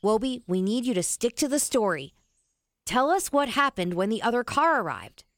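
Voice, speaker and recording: A woman voicing a sensible young boy in a family audio drama, calmly explaining things. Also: fairly high pitch, normal speed, noisy background. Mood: coaxing. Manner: calm, explains things gently.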